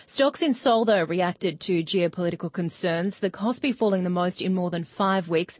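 A woman's voice: medium pitch, no room sound. Dry-sounding female markets correspondent. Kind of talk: scripted market news report.

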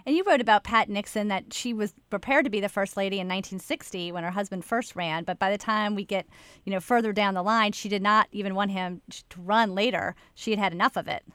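A woman co-hosting a radio interview, asking questions and reading introductions in a measured way. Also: mid-range voice, a bit bright, clean tone, no room sound. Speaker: radio co-host.

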